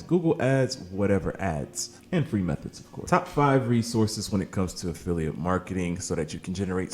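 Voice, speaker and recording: A man who hosts an online marketing channel, talking casually and pushing offers with hyped, salesy energy, tired from recording late at night. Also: sits low. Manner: hyped, salesy, addresses viewers as "baby" and "man". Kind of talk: casual promotional talk to camera.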